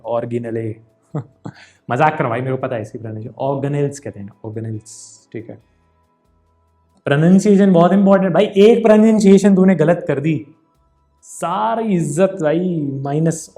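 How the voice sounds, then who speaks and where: An online tutor with a warm, mid-range voice teaches a casual science lesson mixing Hindi and English. He jokes, teases, calls the viewer brother, and throws in playful mispronunciations and asides.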